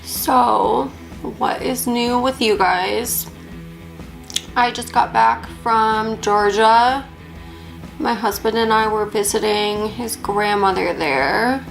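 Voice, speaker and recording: A woman's voice: a little high, creaky, poor audio. A young woman chatting casually while doing her makeup, full of "like" fillers and a slight lisp at times. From Upper Peninsula, Michigan. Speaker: beauty vlogger. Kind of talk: casual get-ready-with-me chat.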